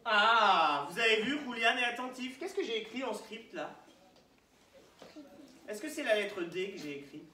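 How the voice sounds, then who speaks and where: A woman's voice: medium pitch, animated, moderate pace, pauses often, sharp tone. A woman teacher leading a class of young children, asking them questions and encouraging them. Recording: echoey classroom, from far off.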